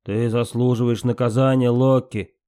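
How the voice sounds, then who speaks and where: A man's voice: on the low side, fairly even intonation, a little fast, darkish tone, lightly acted. A man playing a stern old king of gods. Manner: stern, commanding. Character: stern elderly male ruler of the gods, wise.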